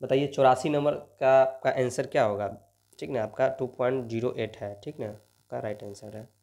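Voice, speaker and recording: Young male coaching teacher, mid pitch, motivational lecture delivery, constant coaxing tag questions. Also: steady tone, normal speed, gravelly, darkish tone. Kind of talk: lecture solving exam questions.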